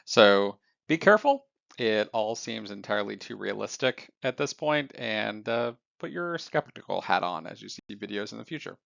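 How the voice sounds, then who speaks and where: A man's voice: lowish voice, sing-song, normal speed, gravelly, fairly bright tone, dry recording, lo-fi sound. A man presenting technology news in an explanatory narrating style.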